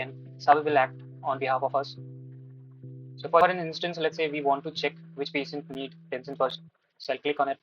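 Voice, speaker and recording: A man with an Indian accent giving a live software demo, explaining step by step in a halting way. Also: mid-range voice, dull audio. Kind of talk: live product demo walkthrough.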